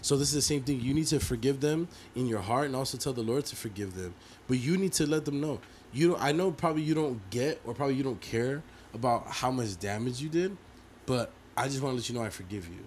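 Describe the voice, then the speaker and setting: A man's voice: mid-range voice, expressive, quick pace, a little mellow. Earnest preaching man, faint noise. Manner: earnest, preachy, builds emphatic repeated lists. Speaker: podcast co-host. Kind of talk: faith podcast conversation.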